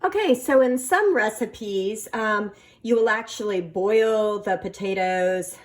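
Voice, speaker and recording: A woman hosting a casual cooking demonstration, talking in a halting way with many fillers and playful, flirty asides. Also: mid-range voice. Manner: halting, filler-heavy delivery. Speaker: cooking video host.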